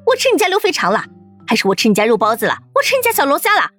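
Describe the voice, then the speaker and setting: A man putting on a shrill, furious young woman. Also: very animated, fast, soft background music. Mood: raging. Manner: shrill yelling tirade. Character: furious plump young woman, quick-tempered and fierce. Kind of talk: storytelling character voice.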